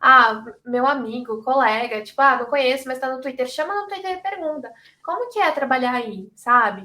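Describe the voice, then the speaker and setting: A woman's voice: sits high, a little fast, sharp tone. A young woman from Brazil giving career advice on a panel, chatty and full of "sabe?" and "tipo".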